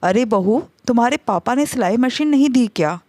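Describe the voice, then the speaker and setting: A woman's voice: fairly high pitch, expressive, normal speed, dark tone, dry recording. A woman voicing a greedy, complaining middle-aged mother-in-law who scolds and pities herself. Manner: scolding, self-pitying complaints.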